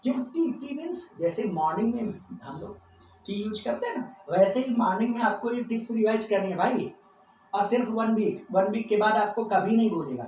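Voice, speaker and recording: A man's voice: high voice, animated, a little fast, a little mellow, soft background music. A male teacher giving a biology lecture, drilling memory tips by chanting lists of names and repeating them. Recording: echoey room, distant mic, faint background hum.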